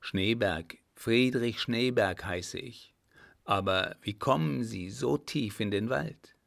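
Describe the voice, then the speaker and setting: A devoted, courteous young working man, played by a man reading a storybook. His manner is eager and polite, in a gravelly voice. The delivery is slow and measured. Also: fairly low pitch, fairly bright tone, heavily acted.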